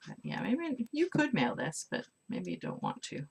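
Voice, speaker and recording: A woman's voice: medium pitch, huge pitch swings, moderate pace, creaky, slightly rough. A woman teaching a live craft class, chatting casually and mumbling to herself as she works. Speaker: craft instructor.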